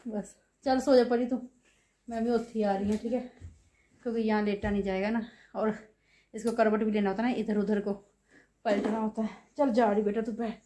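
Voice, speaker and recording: A woman speaks in a soft, coaxing way, settling children to sleep while filming a home vlog at night. Her pitch sits mid-range for a woman, and she is recorded on a phone. A faint noise runs underneath. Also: fairly even intonation, moderate pace, pauses often. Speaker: vlogger, mother. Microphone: phone camera.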